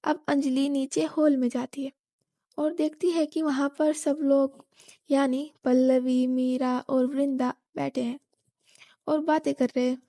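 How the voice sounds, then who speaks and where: A woman's voice: high-pitched, level tone, unhurried, mellow, no room sound, studio quality. A woman narrating a scripted story plainly and evenly.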